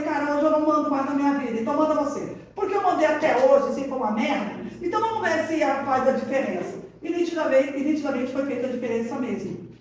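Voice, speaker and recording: Giving a relaxed testimony of faith on a podcast, a woman with a high voice tells her stories with animation and performs the dialogue she quotes. Slight background noise comes through, and the distant mic picks up an echoey room.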